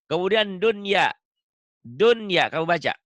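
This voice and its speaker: A man's voice: sits high, animated, unhurried, fairly bright tone, no room sound, lo-fi sound. A man teaching tajwid one-on-one, patient and questioning, repeating his points over and over. He quizzes the student and explains the rules step by step. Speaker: Quran recitation teacher.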